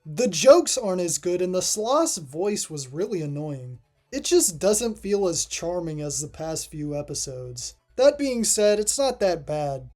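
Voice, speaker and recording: A host with a mid-range voice records a scripted review voice-over with music underneath, sounding casual and dry with throwaway asides, as if going through a ranked list of cartoon episodes. The delivery is very animated yet unhurried, with a slightly mellow quality.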